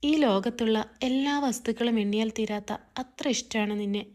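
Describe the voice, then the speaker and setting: A woman voicing a young husband in a read-aloud family story, in a soft, plain voice. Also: a little high, normal speed, natural voice. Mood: tender. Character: young husband, loving then distant.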